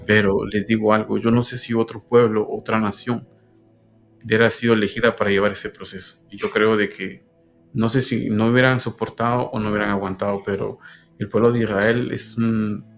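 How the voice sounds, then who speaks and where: Guatemalan man, low earnest voice, faint music underneath; faith talk co-host. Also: little pitch movement. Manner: earnest, halting. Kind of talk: religious discussion.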